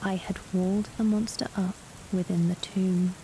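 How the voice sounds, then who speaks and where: A woman with a soft, gentle, sometimes breathy voice reads a gothic tale in a measured ASMR style. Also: mid-range voice, flat delivery, a little hiss or hum, poor audio. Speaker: story narrator. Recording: loud rain and storm sounds. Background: rain and storm ambience.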